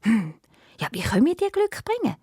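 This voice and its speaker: An excitable, loyal old grand vizier stork, as a woman voices him in a children's radio play. His voice is raised and quick with a Swiss accent. The sound is close and dry. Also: a little high, slightly rough, dry recording, voice pushed up, exaggerated voice. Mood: excited.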